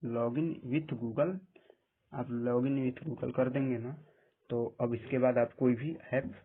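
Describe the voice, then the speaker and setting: A man with a husky voice giving plain step-by-step instructions in a screen-recorded app tutorial. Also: medium pitch, slight background noise. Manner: plain step-by-step instructions, often saying "dekhiye". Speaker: tutorial presenter. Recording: tinny phone-like audio.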